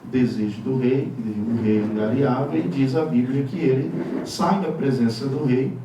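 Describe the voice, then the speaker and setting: A man's voice: mid-range voice, fairly even intonation, normal speed, highs cut off, noisy background. A male pastor from Brazil preaching a sermon in a conversational way, with wry asides and chuckles, in a church. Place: church sanctuary. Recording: echoey church hall from far off.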